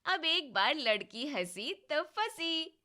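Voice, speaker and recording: Woman as a bubbly, bossy young girl, loud and playful, storybook drama, bright voice, a bit high. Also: sing-song, slow pace, heavily acted. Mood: affectionate. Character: cheeky, bubbly young sister-in-law, protective.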